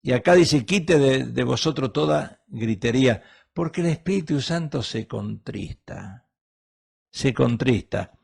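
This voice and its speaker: A middle-aged male pastor preaches with a gravelly, husky voice. He talks with emphasis and keeps asking the congregation rhetorical questions. His loudness rises and falls as he drives home each point. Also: medium pitch, animated, unhurried. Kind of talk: sermon.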